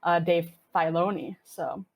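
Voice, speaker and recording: A woman in her twenties from Hong Kong takes part in a casual podcast interview, chatting keenly and with many fillers. Her voice is on the low side, with a steady tone and a slightly slow pace.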